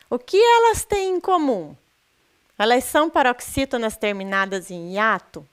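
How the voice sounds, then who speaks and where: A woman's voice: a little high, a bit bright, clean tone. A Brazilian woman teaching a recorded lesson to sixth graders, patiently questioning the class and stressing syllables. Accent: Brazilian Portuguese.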